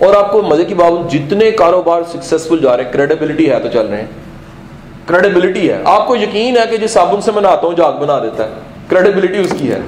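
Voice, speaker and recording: A man giving an animated motivational lecture to a live audience, full of rhetorical questions and bits of English and Punjabi. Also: a little high, fairly quick, roomy sound, slight background noise, poor audio. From Pakistan. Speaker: motivational speaker.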